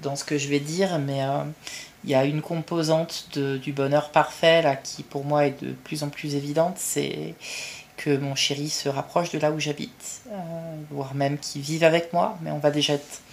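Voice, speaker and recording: A woman co-hosting a podcast, speaking earnestly and in a measured way, with halting restarts. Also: deep voice, level tone, creaky, a little mellow, slight background noise. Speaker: podcast co-host. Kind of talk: casual podcast chat.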